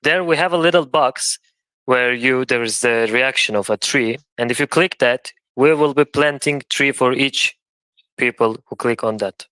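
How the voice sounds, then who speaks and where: A man's voice: mid-range voice, moderate pace, sharp tone, clear, resonant tone, no echo, low-quality recording. A man, a guest on a casual live audio chat, explaining his project eagerly. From Romania. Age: 30s.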